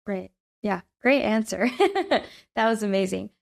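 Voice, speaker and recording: A woman's voice: medium pitch, sing-song, measured pace, gravelly. A woman interviewing a guest, encouraging and asking follow-up questions.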